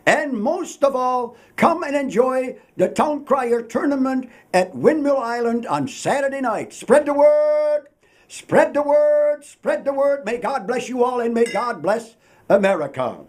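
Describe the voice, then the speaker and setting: A man performing as a ceremonious medieval town crier, calling out a loud, formal proclamation with stately repeats. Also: very high-pitched, voice pushed up, full character voice.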